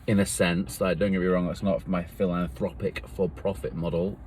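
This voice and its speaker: A man's voice: sits low, flat delivery, normal speed, a little mellow, slight background noise. A man, talking to himself in a meandering, reflective solo monologue that often trails off. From England. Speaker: vlogger.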